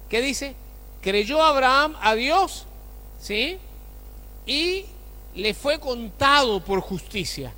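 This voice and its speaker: A man's voice: extremely high pitch, sharp tone. A male pastor preaching a sermon, checking in with the congregation through rhetorical questions. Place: church. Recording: church hall with long reverb.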